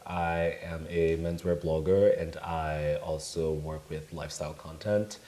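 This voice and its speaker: Young guy from nigeria, super low voice, mellow, chatting calm and humble in an echoey room. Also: unhurried. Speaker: guest, menswear blogger. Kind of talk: casual interview chat.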